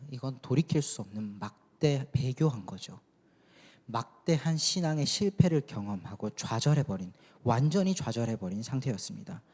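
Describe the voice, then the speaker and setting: A man's voice: mid-range voice, dark tone. A man preaching a sermon as youth pastor, talking conversationally and asking the congregation questions. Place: church sanctuary. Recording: long church hall reverb.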